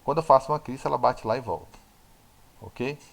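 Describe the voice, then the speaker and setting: A man's voice: medium pitch, brisk, gravelly. A man with a Brazilian Portuguese accent teaching a recorded physics lab lesson in a chatty way, correcting himself and checking in with listeners as he explains. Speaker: physics lecturer.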